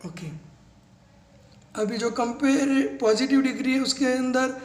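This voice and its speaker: A man teaching English grammar step by step, spelling words out letter by letter and reading English definitions slowly. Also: very high-pitched, fairly even intonation, echoey room. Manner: mixes slow English definitions into quick explanations. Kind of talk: classroom-style grammar lesson.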